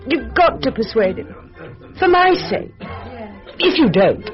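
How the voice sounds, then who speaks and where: A woman's voice: high-pitched, sing-song, slow, heavily acted. An actress playing a glamorous, theatrical society lady who is imperious and coaxing, in a radio drama. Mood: pleading, imperious. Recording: dull lo-fi radio, music behind.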